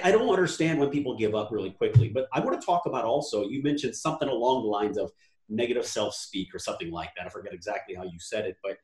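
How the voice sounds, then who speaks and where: A man's voice: medium pitch, darkish tone, echoey room. A man talking on a podcast in a casual, blunt way, telling stories with lots of animation and swearing freely.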